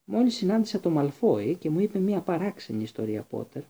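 A man's voice: on the high side, very animated, creaky, mellow, pitched above the performer's own voice. A man reading aloud and voicing a stern, sneering male professor who interrogates coldly. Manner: sardonic, interrogating.

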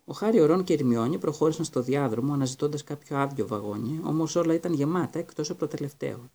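A man narrating an audiobook in a steady, even storytelling manner. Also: a little high.

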